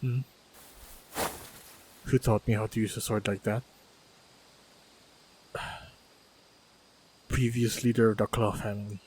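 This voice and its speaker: In a fantasy action audio roleplay, a man voices a calm, modest human swordsman who is a loyal companion. He speaks in measured, low-key short phrases with a calm, reflective mood, and the audio is poor with slight background noise.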